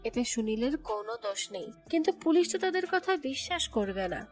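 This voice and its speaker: A woman narrating a movie plot as a steady, scripted storytelling recap. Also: on the high side, quick pace. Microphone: voice-over. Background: soft background music.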